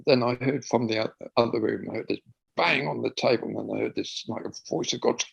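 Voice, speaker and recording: Gravelly man telling a story. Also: medium pitch, brisk, no echo. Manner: animated, laughing, repeats words while telling. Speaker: guest. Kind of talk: anecdotal storytelling. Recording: slightly dull lo-fi recording.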